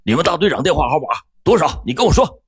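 An arrogant driver barks in a raised, impatient voice, put on by a man telling the story. The voice is a little husky and swings widely up and down. It sounds close and dry. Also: very animated, quick pace, full character voice. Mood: angry. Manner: loud, impatient, high-pitched. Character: arrogant, short-tempered male chauffeur.

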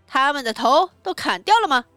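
A woman voicing a furious queen who shouts orders in a shrill, loud voice. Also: sing-song, brisk, dry recording, soft background music, heavily acted.

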